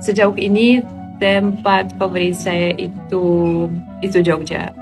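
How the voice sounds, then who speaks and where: A woman's voice: medium pitch, steady tone, slow, over music. A young woman from Poland with a Polish accent, speaking as a foreigner in a learned language with some hesitation, in a casual vlog. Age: young adult. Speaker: vlogger, master's student.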